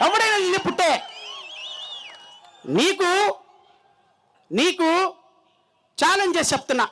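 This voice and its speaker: A man with an Andhra Telugu accent gives a fiery political speech from a rally stage, his voice extremely high and sharp. He sounds combative and threatening, hammering phrases home by repeating them. The recording quality is low.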